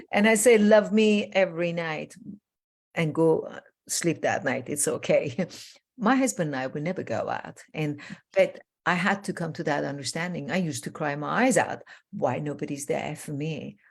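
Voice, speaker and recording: An older woman from Iran with a low voice and a gravelly edge to it. She hosts a coaching interview in a warm, effusive way, rambling through plenty of fillers. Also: measured pace. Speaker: host, transformational coach. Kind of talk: casual interview chat.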